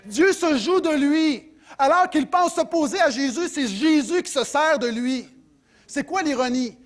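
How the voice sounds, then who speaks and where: Middle-aged québécois pastor giving a sermon, pretty high voice, animated, gets loud then drops soft. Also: male voice, a little slow. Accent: Quebec French. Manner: animated storyteller, swings between loud emphasis and soft asides.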